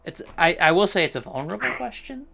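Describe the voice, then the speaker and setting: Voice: mid-range voice, big pitch swings, fast, vocal fry, crowd noise. A streamer hosting a live stream, chatting casually in a musing, rambling way with frequent restarts. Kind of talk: casual chat.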